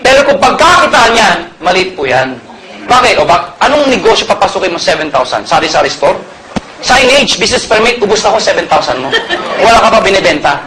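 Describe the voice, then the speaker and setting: A man from Pangasinan giving an energetic, joking motivational sales talk to a live audience, often calling out questions. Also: high-pitched, brisk. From Pangasinan, Philippines. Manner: energetic, jokey, often shouting to the crowd. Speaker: network marketing speaker. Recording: loud crowd and noisy venue.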